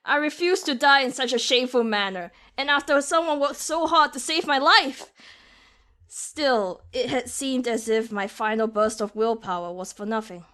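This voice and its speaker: A young woman with a high-pitched, pushed, bright voice reads a story aloud at a moderate pace as an amateur voice actor. She often laughs and restarts her lines, recorded on a home microphone that cuts out.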